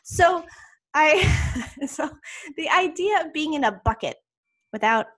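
Brief: woman co-host, fairly high and very lively pitch, emphatic, chatty. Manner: animated and emphatic, quick to laugh. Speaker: podcast co-host. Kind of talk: casual chat.

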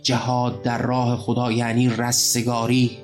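A man voicing a young male leader who proclaims holy war to his followers, in a slow, solemn storybook speech. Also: mid-range voice, completely flat delivery, soft background music, natural voice. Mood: fervent.

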